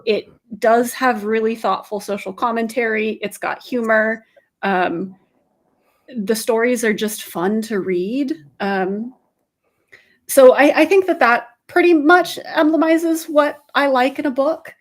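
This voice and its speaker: A woman guest in a podcast interview, speaking thoughtfully and pausing often with fillers. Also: fairly high pitch, steady tone. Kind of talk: casual interview chat.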